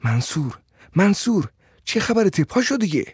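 A man reading a story aloud, raising his voice to play a young wife gently nudging her husband awake. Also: high voice, sing-song, husky, no room sound, clean studio sound, pitched above the performer's own voice, heavily acted. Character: young woman, gentle wife, mildly chiding.

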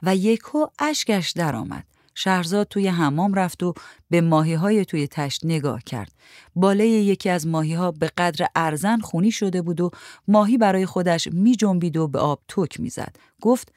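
A woman narrates a literary short story in a measured, even reading. Her voice sits low for a woman. The recording is dry and close, with no room sound. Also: no echo.

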